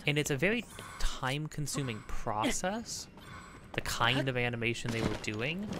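A man's voice: medium pitch, very animated, moderate pace, bright, forceful tone, a little hiss or hum. A man hosting a let's play, chatting casually while he plays, rambling with many fillers and restarts. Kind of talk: casual gameplay commentary.

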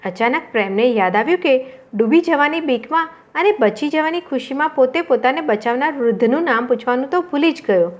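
A woman reading a storybook tale aloud in a calm, measured way. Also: high-pitched. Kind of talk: storybook narration.

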